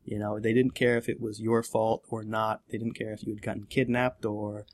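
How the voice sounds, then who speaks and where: A man's voice: fairly low pitch, little pitch movement, moderate pace. A man who runs the game, talking casually on a podcast about tabletop play, rambling and correcting himself as he goes. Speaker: game master.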